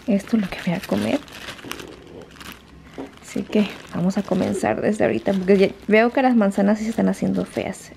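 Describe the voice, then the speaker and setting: A young woman, rambling to camera in a casual vlog at home at night, keeping her voice low while others sleep. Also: creaky, mellow, a little hiss or hum. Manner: chatty and rambling, with many fillers. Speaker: vlogger.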